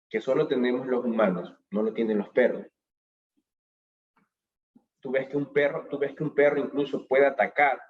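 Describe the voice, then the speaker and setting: Guy lecturing over a video call, animated, answers his own questions, kinda muffled lo-fi audio. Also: medium pitch. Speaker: speaker at a business school talk. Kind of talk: motivational lecture on emotions. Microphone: webcam on a video call.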